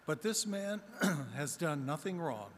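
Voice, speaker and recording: A man serving as deacon, reading the Gospel and preaching a homily in a measured, deliberate way, his voice carrying a cathedral-like echo in a large church. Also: on the high side, sing-song. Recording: long church reverb, faint room noise.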